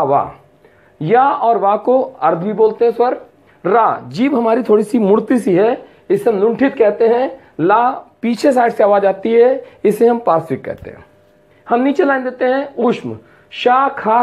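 A man teaching a class, slowly sounding out syllables and repeating them, with English words mixed into his speech. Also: high-pitched, a little mellow. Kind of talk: classroom lesson. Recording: dull lo-fi recording.

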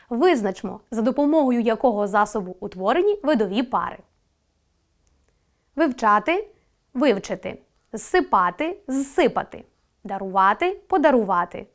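Lively-voiced woman teaching a grammar lesson. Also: on the high side. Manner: clear, deliberate dictation of word pairs with rising question tones. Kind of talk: scripted online grammar lesson.

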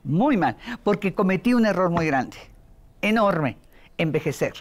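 In a casual interview, an older voice actress and dubbing director with a Mexican Spanish accent tells lively stories and playfully imitates voices. She speaks in a lowish voice at an unhurried pace.

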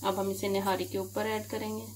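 Home-cook host, woman, Pakistani Urdu accent, monotone and unhurried, phone recording with clear kitchen sizzle. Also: mid-range voice, heavy background noise. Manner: steady, even, unhurried instructions. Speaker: cooking channel host. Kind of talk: step-by-step recipe narration.

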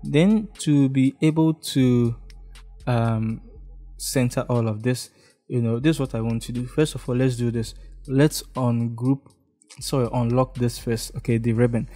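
A young Ghanaian man with a Ghanaian English accent walks through a screen-recorded design tutorial step by step in a relaxed way, often checking in with "okay?" He speaks at medium pitch and a little slowly, over soft background music. He's in an indoor room, his face showing in the webcam corner.

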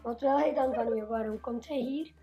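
A woman's voice: fairly high pitch, normal speed, slightly rough, lo-fi sound, faint music behind. Woman playing a stern old king. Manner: firm, lecturing.

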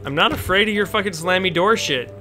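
A man's voice: sits high, a little fast, music in the background. A young man, drunk, swearing freely as he plays a horror game live and reads its notes aloud in a mock-official tone. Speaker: streamer playing a horror game. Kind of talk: drunk live-stream commentary.

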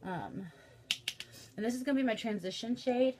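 A woman's voice: fairly high pitch, normal speed, noisy background. A young woman with a Midwestern American accent and a stuffy, sniffly nose, chatting casually through a makeup tutorial with lots of ums and likes. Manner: chatty, filler-heavy, says um and like often. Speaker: beauty vlogger.

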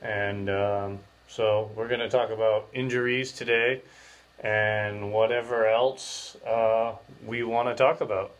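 Podcast host, male, 30s, lowish voice, jaw wired shut so words come through clenched teeth, loose slangy rambling chat. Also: fairly even intonation, slow, dull audio. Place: small bare room, indoors.

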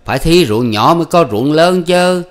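A man's voice: fairly high pitch, animated, normal speed, voice pushed up, natural voice. A male audiobook reader voicing a blunt, teasing older village official who mocks a simple farmer. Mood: mocking. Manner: teasing, blunt, laughing at others.

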